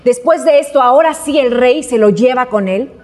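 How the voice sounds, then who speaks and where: Woman preacher, high voice, retells a Bible story and asks listeners questions. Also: normal speed, darkish tone, soft background music. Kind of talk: sermon.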